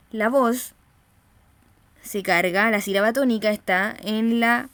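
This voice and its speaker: A woman teacher with a Chilean accent giving a recorded grammar lesson, slowly stressing syllables and often checking in with her students. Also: medium pitch, fairly bright tone, no echo. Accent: Chilean Spanish. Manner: slow, emphatic stressing of syllables, frequent "¿cierto?" checks.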